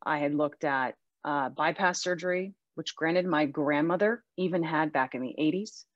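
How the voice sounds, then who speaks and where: A woman's voice: low voice, moderate pace, no room sound. A woman in her forties from Western Pennsylvania, a guest telling her story in a chatty, self-deprecating way. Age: 40s. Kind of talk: casual interview. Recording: muffled, dull sound.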